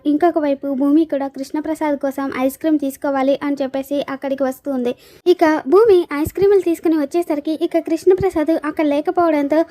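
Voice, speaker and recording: A woman's voice: high voice, mellow. A woman narrating a television serial recap in a scripted storytelling style.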